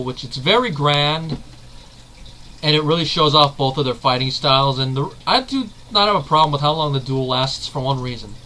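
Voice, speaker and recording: A man hosts a video of casual, rambling fan commentary, analyzing things and correcting himself as he goes while leaning on the filler "basically." His medium-pitched voice is bright and forceful. The recording is rough, with slight background noise.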